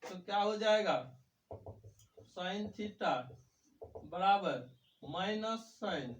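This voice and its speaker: Male math teacher, unhurried delivery, booming echoey room. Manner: poses questions and answers them himself. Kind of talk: whiteboard lecture. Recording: echoey room, mic far off.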